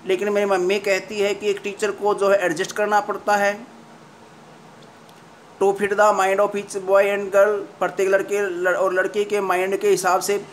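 A man gives a lesson on a story, reading each English line slowly before explaining it in Hindi. His voice sits high and stays fairly level. He restarts his sentences often as he works through the meaning. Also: a little hiss or hum. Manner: reads English lines slowly, then explains them in Hindi with frequent restarts. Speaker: English teacher.

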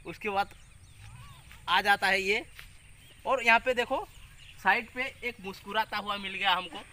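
A man's voice: sits high, unhurried, bright, forceful tone. A young man hosting a casual village vlog outdoors, chatting and teasing as he leads children through tongue twisters. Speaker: vlogger.

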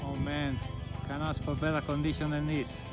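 A man skiing outdoors on a high glacier, giving a quick upbeat snow report in short, clipped phrases while filming on an action camera, a little out of breath. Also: completely flat delivery. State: slightly out of breath from effort. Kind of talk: casual on-the-go commentary. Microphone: handheld or helmet action camera. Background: loud guitar music.

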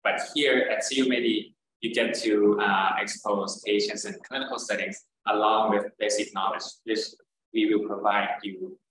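A man speaks in a low voice, co-presenting an online information session as an attending doctor. He hesitates often and uses many fillers. The room is very echoey, with clear noise behind him. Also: fairly even intonation, normal speed.

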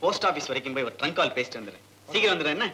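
An actor playing a friendly male doctor who gently teases his friend in an old film drama. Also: a little high, animated, very fast. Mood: teasing. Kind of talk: 1960s film drama acting.

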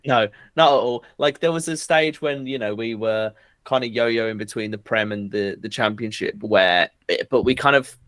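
A man's voice: medium pitch, normal speed, a bit bright, no echo. Hesitant man, dry sound. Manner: rambling, hesitant, many fillers and restarts. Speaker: podcast guest. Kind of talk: casual chat.

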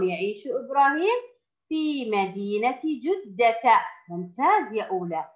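A woman's voice: a little high, fairly bright tone, muffled recording. Patient woman teaching young children. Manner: slow, patient, drawn-out sounds with frequent praise. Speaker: primary school teacher. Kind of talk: recorded classroom lesson for young children.

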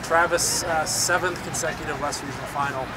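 A man's voice: on the high side, steady tone, brisk, heavy background noise. Man hosting a postgame interview. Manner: conversational, chatty. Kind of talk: postgame press conference hosting. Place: outdoors at a soccer field.

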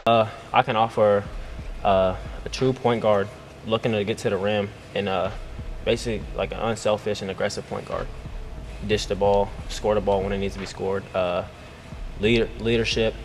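A young man in his late teens, a high school point guard, answering interview questions hesitantly with many fillers. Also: level tone, moderate pace, faint music behind.

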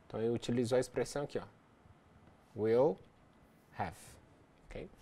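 An English teacher recording a distance-learning lesson, explaining step by step and reading example sentences slowly. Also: mid-range voice, steady tone, mellow, a little hiss or hum.

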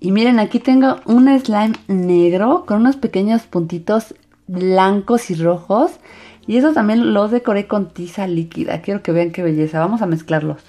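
A woman's voice: medium pitch, moderate pace, dark tone. A woman narrating a hands-on craft video for children in an enthusiastic, sing-song way. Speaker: host of a slime craft channel. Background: background music.

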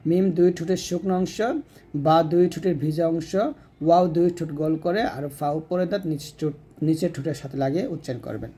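A man teaching Quran reading, patiently drilling letter sounds slowly one by one. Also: a little high, mellow. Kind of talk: recitation lesson.

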